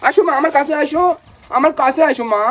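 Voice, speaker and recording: A woman's voice: sits high, fast talker. A woman speaking in a tender, coaxing way, often repeating endearments and asking "understand?" in an affectionate home vlog. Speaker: farmer vlogger.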